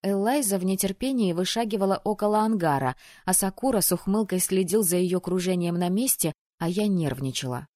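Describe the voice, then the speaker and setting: A woman reading a fantasy audiobook in the first person, her mid-range voice even and measured. The recording is dry and close, with no room around her. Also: medium pitch, no echo. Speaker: audiobook narrator.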